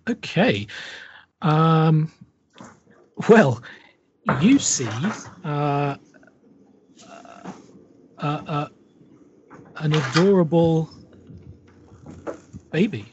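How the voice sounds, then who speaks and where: A man narrating a tabletop horror game as game master, in a halting way full of repeated words. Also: a little high, lively intonation, a little mellow, lo-fi sound, slight background noise.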